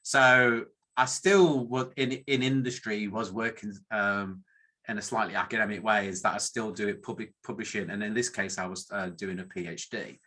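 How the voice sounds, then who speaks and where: A middle-aged man with a northern English accent, an academic statistician from northern England, delivers an informal career talk. His lowish voice is steady and sharp at a moderate pace, and his delivery meanders, turns self-deprecating and often restarts mid-sentence.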